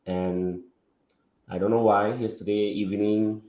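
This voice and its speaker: A man with a hoarse voice from a bout of covid, hosting a casual podcast chat and talking haltingly with many fillers. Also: fairly low pitch, steady tone, warm tone. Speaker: podcast host. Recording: roomy echoey recording.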